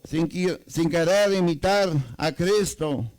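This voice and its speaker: Speaking at a slow pace, this man delivers a sermon in a Salvadoran Spanish accent, his voice slightly high and a bit mellow over a rough recording. He poses many rhetorical questions to the congregation and returns again and again to "amados hermanos."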